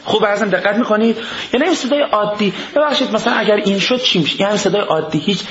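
A man with a high voice delivers a humorous religious lecture, joking and mimicking people as he goes. His pitch jumps up and down. The recording is echoey and a little muffled, with a dull lo-fi sound. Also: a bit bright, a little hiss or hum. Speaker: cleric lecturer.

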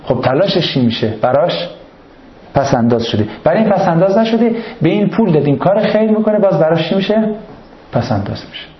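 A man with a fairly high voice lectures a class and keeps it light with humour and questions for the students. The sound is dull and lo-fi, with the echo of a classroom. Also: animated. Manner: humorous, banters with students.

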